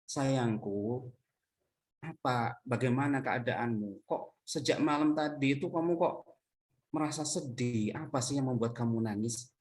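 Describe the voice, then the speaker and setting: A man voicing a gentle, worried royal father who speaks softly and coaxingly. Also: medium pitch, a little slow, natural voice. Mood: tender. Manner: soft, hushed and coaxing.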